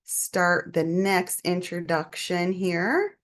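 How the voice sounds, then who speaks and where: A woman with a somewhat low voice hosts an online session from a computer mic on a video call. She introduces the next speaker in a friendly way with lots of fillers. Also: slow, a bit bright. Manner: friendly, filler-heavy hosting. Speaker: webinar moderator.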